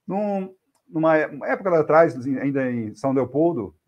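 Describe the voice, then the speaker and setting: A man's voice: fairly high pitch, animated, moderate pace, lo-fi sound. A Brazilian Portuguese-speaking man giving an earnest devotional talk, often checking in with the audience. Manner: earnest storytelling, frequent "né?" checks. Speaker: spiritist lecturer.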